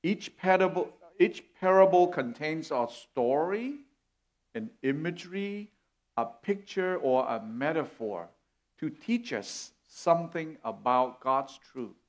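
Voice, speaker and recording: A man's voice: on the high side, lively intonation, takes it slowly. A middle-aged man from Vietnam, preaching an earnest sermon as a guest speaker on a church stage. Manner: earnest, warm, gesturing as he preaches.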